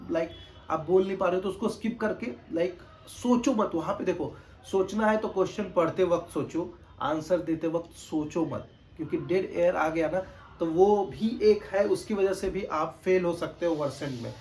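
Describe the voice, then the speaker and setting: This fairly high-voiced man, a test-prep tutor, raises and projects his voice above his normal level while teaching casually to the camera, recorded on its built-in mic. Patient and instructive, he returns to his points with little check-ins as a faint background hum runs underneath.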